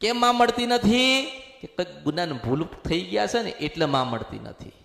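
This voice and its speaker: A man's voice: high-pitched, lively intonation, moderate pace, creaky, a bit bright. A man acting as a spiritual medium, preaching in a possession sermon and speaking as a goddess in the first person, with lots of repetition. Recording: echoey hall with long reverb.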